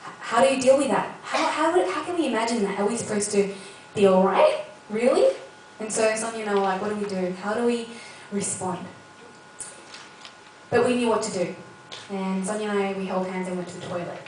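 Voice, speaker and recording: A woman's voice: mid-range voice, lively intonation, fast, hardly any pauses, darkish tone. Young woman, earnest testimony, heard from a distance in a very echoey space with faint noise. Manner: earnest, heartfelt storytelling. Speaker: speaker sharing a personal testimony. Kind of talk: spoken personal testimony.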